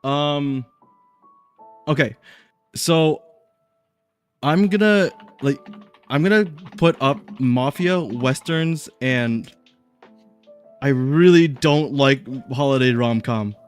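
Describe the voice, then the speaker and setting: A male streamer of middle pitch talks in a loose, rambling way, reacting to his chat. Soft music plays faintly under his voice, with keyboard clicks now and then. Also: slow pace, long pauses, clear, resonant tone. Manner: rambling, chatty, reads chat aloud. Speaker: livestream host.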